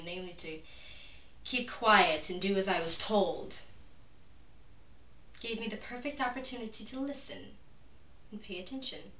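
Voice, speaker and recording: An actress performs a proud, calculating noblewoman in a dramatic monologue. Her voice is bright and forceful, and she weighs each phrase with pauses and sudden hushed drops. The recording is echoey and set back from the microphone. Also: medium pitch, natural voice. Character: proud, calculating aristocratic woman, cunning and defiant. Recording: roomy echo, distant microphone.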